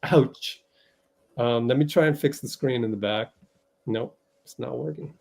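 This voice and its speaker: Flustered livestream host doing play-by-play. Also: male voice, medium pitch, measured pace, creaky, a little mellow. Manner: flustered, rambling, many fillers, talks to himself while fixing tech.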